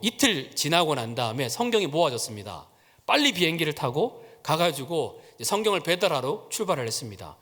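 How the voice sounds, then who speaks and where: A man's voice: on the high side, a bit bright. A man preaching a sermon, telling a personal story and acting out the quoted voices. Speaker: pastor. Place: church sanctuary. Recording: long church-hall reverb.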